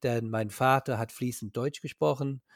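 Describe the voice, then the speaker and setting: A man's voice: medium pitch, fairly even intonation, normal speed, dry recording, studio quality. A man from Ireland with an Irish accent, speaking German in a casual interview as a guest, hesitant, with many fillers and restarts.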